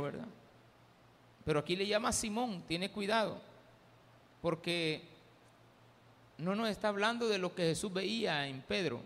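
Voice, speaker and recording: High-voiced Salvadoran pastor preaching. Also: male voice, a bit bright. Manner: conversational, asks the congregation questions. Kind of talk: sermon. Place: church. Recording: long hall reverb.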